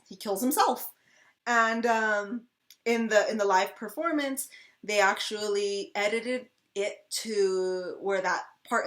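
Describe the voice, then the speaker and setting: A woman co-hosts a relaxed fan Q&A, telling long stories that wander along with plenty of fillers and restarts. Her voice sits at an ordinary middle pitch. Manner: rambling storyteller, many fillers and restarts. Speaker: channel co-host. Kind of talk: casual fan Q&A chat.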